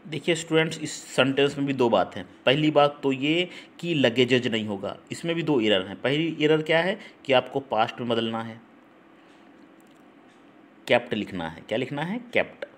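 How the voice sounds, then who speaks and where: A man teaching English grammar for exams, explaining in Hindi with frequent check-ins, spelling words aloud and reading English sentences slowly. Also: mid-range voice, animated. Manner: repetitive, checks in with listeners (ठीक? हम्म?). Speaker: English teacher for exam prep.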